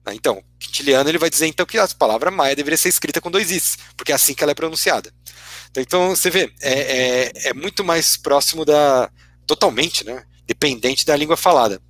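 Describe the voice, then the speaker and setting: A man's voice: fairly high pitch, fast, a bit bright, dry recording. A man with a Brazilian Portuguese accent, a guest lecturer giving a teacherly explanation, tagging his sentences with constant "né" questions. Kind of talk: explanatory academic talk.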